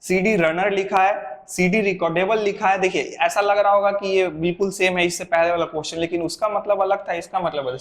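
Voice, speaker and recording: A man's voice: sits high, echoey room. A male computer teacher leading an exam-prep lesson, explaining step by step, repeating the answers and asking rhetorical questions.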